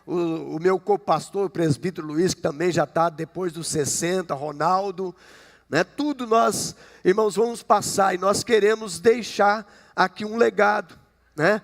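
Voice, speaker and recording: Brazilian pastor in his fifties, gravelly. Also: sits high, unhurried. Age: 50s. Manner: conversational preaching with frequent "né?" and jokes. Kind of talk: sermon. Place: church sanctuary. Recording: long hall reverb.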